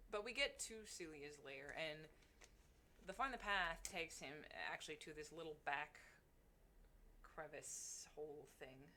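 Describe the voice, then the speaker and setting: Low-pitched young woman, wry storyteller. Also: a little slow, sharp tone, slight background noise. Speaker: player recounting a tabletop game on a show. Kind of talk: casual storytelling chat.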